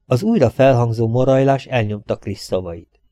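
A man reading a thriller aloud as an audiobook narrator, steady and even. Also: mid-range voice, dry recording, clean studio sound. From Hungary. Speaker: audiobook reader.

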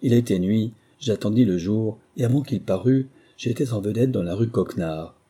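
Man with a dark, husky narrating voice. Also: fairly low pitch. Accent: French. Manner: measured, literary storytelling. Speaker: audiobook narrator. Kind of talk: scripted first-person narration.

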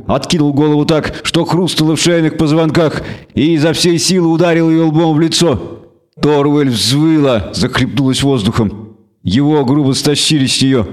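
Steady male audiobook narrator. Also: medium pitch.

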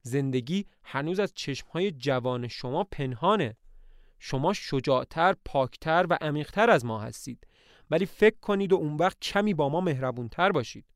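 A man's voice: on the high side, animated, no echo, studio quality. A man reading aloud voices an anxious aristocratic older woman who owns the estate, speaking in a plaintive, sighing way. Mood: pleading.

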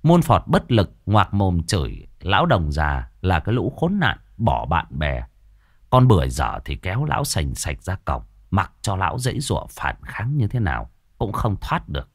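A man narrating a story in a lively, expressive way into a close mic. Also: low-pitched, normal speed, dry recording.

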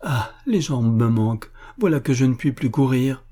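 A man reads aloud in the role of a doting elderly Russian country widow, fussing over her son in a raised voice, overjoyed and full of fussy, affectionate exclamations. His mid-range voice is animated and mellow, close to everyday speech, at a moderate pace.

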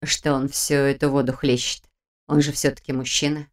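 A woman voicing a practical, soft-spoken female house servant. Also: very deep voice, level tone, normal speed, pitched below the performer's own voice. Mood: quiet.

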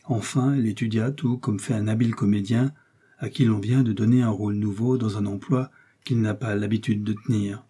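Husky dark-voiced man narrating. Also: fairly low pitch. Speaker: audiobook narrator. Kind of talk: scripted narration of a classic novel.

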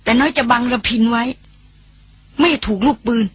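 A woman voicing a tearful young woman in an audiobook, sobbing and pleading in halting, stammering speech. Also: a little high, husky, no echo, voice pushed up. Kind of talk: audiobook character voice.

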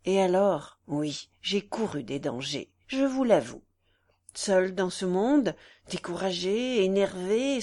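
A woman's voice: mid-range voice, darkish tone. A woman reading the part of a young wife defending herself, with pleading, earnest delivery.

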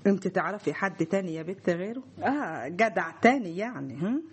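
A woman's voice: on the low side, expressive, brisk, slightly rough. An actress with an Egyptian accent playing a fussy, doting, middle-aged mother in a radio drama, coaxing and chatty. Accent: Egyptian Arabic. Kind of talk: classic radio drama acting.

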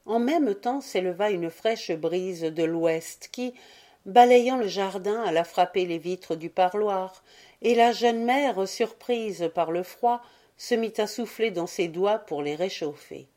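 A woman reads a fairy tale aloud in a gently expressive storybook manner. She takes her time over every phrase. Her tone is mellow and warm. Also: mid-range voice, slow pace. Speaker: audiobook reader. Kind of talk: scripted storybook narration.

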